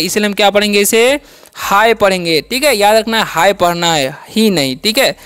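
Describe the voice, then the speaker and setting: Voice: mid-range voice, fairly bright tone, clean tone. A teacher giving a step-by-step pronunciation lesson, patiently asking and answering their own questions and repeating each word for drilling. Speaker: English teacher.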